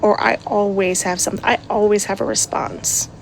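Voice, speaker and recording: A woman's voice: medium pitch, fairly even intonation, normal speed, creaky, a little hiss or hum. A woman in her thirties, a mother chatting casually to her vlog audience, laughing often and dropping sarcastic asides. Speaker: vlogger and mother. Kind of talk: casual chat.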